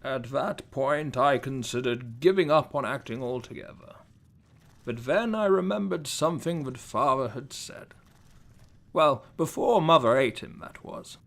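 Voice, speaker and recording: A man's voice: medium pitch, animated, a little slow, fairly bright tone. A man voicing a pompous male giant frost spider who dreams of being a stage actor, speaking in a haughty, precise, theatrical way. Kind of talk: comedic mock interview.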